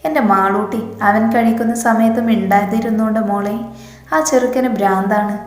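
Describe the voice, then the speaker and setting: A woman voicing a kind, worried mother-in-law in a storybook reading, speaking gently and fretfully. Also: mid-range voice, steady tone, moderate pace, roomy sound, long reverb tail, faint music behind, natural voice.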